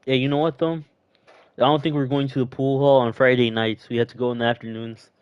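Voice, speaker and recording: A man's voice: medium pitch, flat delivery, fast talker, clear, resonant tone, dry recording, lo-fi sound. A young man co-hosting a podcast, chatting in an easygoing, rambling, self-deprecating way. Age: young adult. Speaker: podcast co-host. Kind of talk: casual chat.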